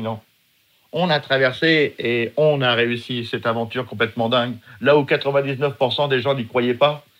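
A middle-aged man from France, telling his own story as a guest with vivid, emphatic delivery. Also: mid-range voice. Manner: vivid, emphatic, acts out shouted quotes. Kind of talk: dramatic personal storytelling.

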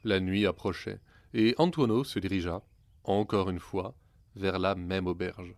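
A man's voice: low-pitched, measured pace, no room sound. A man narrating a fairy tale with a wry, ironic storytelling manner.

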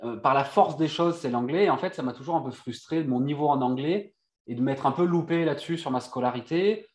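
A man from France talking as an interview guest in a casual, halting way, often repeating words and filling pauses with hesitation sounds. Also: fairly high pitch. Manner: halting, stacked fillers and restarts. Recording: echoey room.

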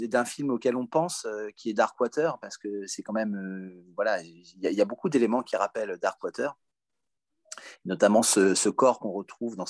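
A man's voice: on the low side, darkish tone, dry recording, studio quality. A man reviewing a documentary in a casual chat, hesitant with many fillers.

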